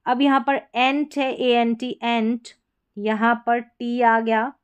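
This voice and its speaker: Clear-voiced Indian woman teaching pronunciation. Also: on the high side, fairly even intonation. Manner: slow, deliberate, spells words letter by letter. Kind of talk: explaining spelling patterns.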